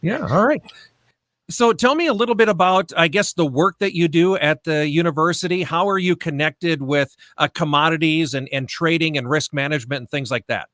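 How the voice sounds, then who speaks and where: A man's voice: fairly high pitch, moderate pace, fairly bright tone, no echo, clean studio sound. A man hosting a farm market podcast, reading a scripted intro and then asking conversational questions. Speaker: podcast host. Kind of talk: interview hosting.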